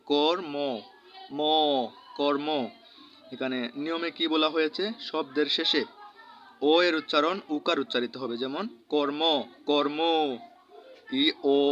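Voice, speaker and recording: A man with a Bangladeshi Bengali accent teaching a grammar lesson, saying each example word slowly and repeating it. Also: on the high side, sharp tone. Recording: dull lo-fi recording.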